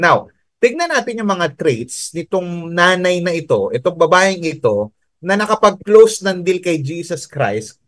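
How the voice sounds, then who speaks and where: A man with a Filipino accent preaching a sermon, mixing Tagalog and English, reading scripture slowly and asking online listeners to type answers in the chat. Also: fairly high pitch, fairly bright tone, dry recording. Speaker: pastor.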